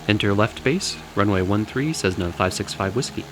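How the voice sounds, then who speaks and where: A man's voice: lowish voice, normal speed, background noise. A man making clipped, procedural pilot radio calls into a headset mic, using standard aviation phrasing. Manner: clipped, procedural, even delivery. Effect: pilot radio calls over a headset mic. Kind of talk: air traffic radio phraseology.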